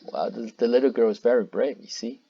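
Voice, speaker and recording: A man's voice: mid-range voice, brisk, gravelly, husky. A man reading a storybook aloud for children, stopping to explain words and point at the pictures. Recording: dull lo-fi recording.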